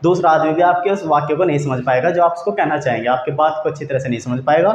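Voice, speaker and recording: Male teacher with a high voice, explaining patiently and repeating himself, in a roomy room on a dull, lo-fi recording. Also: quick pace, slight background noise. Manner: repeats key points, asks and answers own questions, says "theek hai" often. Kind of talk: explanatory grammar lesson.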